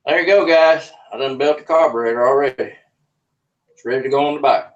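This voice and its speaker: A man's voice: medium pitch, brisk, highs cut off. A man, hosting a casual livestream and rambling folksily while he works on a carburetor. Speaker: livestream host. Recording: voice from a distance from the mic.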